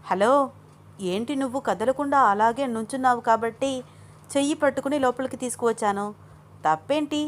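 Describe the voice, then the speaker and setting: A woman voicing a playful young man who talks in a casual, teasing way without lowering her voice. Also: moderate pace, a little hiss or hum, natural voice.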